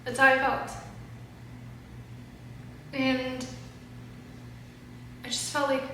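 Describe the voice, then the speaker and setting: A young woman with a high, sharp, bright voice talks openly through a long personal story, rambling and swearing as she goes. She is recorded in a very echoey room from some distance. A faint noise sits under her voice. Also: little pitch movement, drawn-out words. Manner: candid, rambling, with frequent swearing and fillers. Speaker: vlogger. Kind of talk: confessional storytime monologue.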